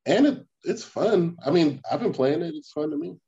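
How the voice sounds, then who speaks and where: A man co-hosting a casual podcast chat, halting and full of "like"s. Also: a little high, animated, dark tone, dull audio. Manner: halting, lots of likes, repeats words. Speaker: podcast co-host.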